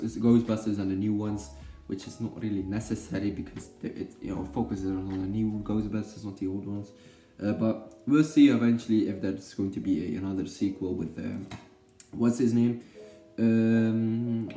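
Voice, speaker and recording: This young Belgian vlogger, a native Dutch speaker, talks casually about films in a rambling, joking style packed with fillers and self-corrections. He has a lowish, dark-toned voice, and the room sounds spacious.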